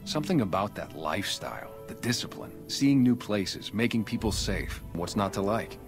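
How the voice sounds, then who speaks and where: An actor playing a blunt, guarded ex-gang sniper who now works as a town guard, in a video game. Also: male voice, fairly low pitch, expressive, moderate pace. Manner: blunt, matter-of-fact. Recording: game audio with music behind.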